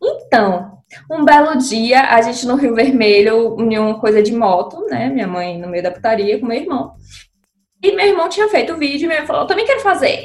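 A woman's voice: fairly quick, faint music behind. A young woman, telling family stories as a podcast co-host and acting out the quotes. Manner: animated, acts out quotes with big pitch jumps. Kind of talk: casual storytelling chat. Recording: roomy echoey room.

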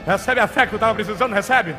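A very high, bright and forceful male voice with a Brazilian Portuguese accent, preaching at a church service. He swings between quick murmured phrases, shouted commands and streams of speaking in tongues. The recording has a long hall reverb with faint music underneath. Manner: alternates hushed rapid speech with shouted commands and bursts of tongues. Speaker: pastor.

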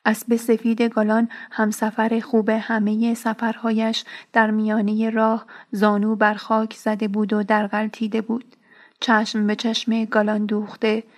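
A woman reading a novel aloud as an audiobook narrator, measured and steady. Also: medium pitch.

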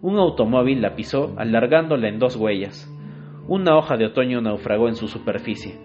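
A man narrating a literary short story in a measured, expressive reading. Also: medium pitch. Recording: dull lo-fi recording. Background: faint guitar music.

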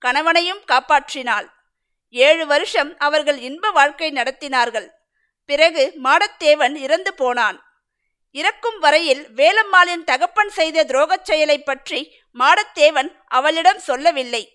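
A woman reading a story aloud in a measured, dramatic narrating manner. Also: high-pitched, fairly bright tone.

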